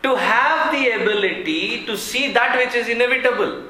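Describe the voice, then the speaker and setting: A man with a South Indian accent telling an anecdote to an audience in an expressive, amused way with deliberate pauses. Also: very high-pitched. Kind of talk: animated storytelling talk. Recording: roomy echo, faint background noise.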